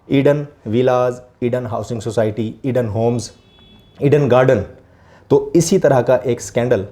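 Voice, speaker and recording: A man's voice: medium pitch, dark tone. A man, presenting an earnest, emphatic investigative report and questioning a guest as host.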